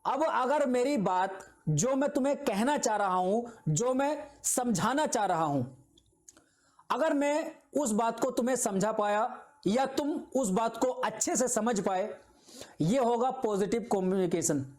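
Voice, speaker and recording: A man's voice: extremely high pitch, animated, a little slow, darkish tone. A man teaching an exam-prep video lecture. He explains patiently with simple examples, repeats his points and keeps checking in with his students.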